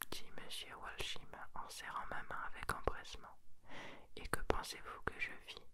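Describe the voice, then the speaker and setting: A person whispering a novel aloud as an ASMR reader, close and breathy, in a deliberate storytelling manner. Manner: slow, deliberate literary storytelling. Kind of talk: whispered audiobook reading.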